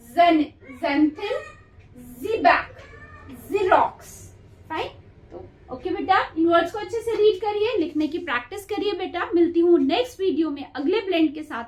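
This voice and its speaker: A woman teaching a phonics lesson who sounds each word out slowly and says it again and again, calling her students "beta". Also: extremely high pitch. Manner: sounds words out slowly, repeating each one. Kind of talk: slow classroom phonics lesson. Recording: echoey room from far off.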